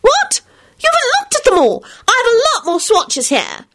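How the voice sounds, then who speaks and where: A woman reader voicing a shrill, fussy young woman planning her wedding, in a shrieking, high-strung way. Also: huge pitch swings, normal speed, bright, forceful tone, exaggerated voice.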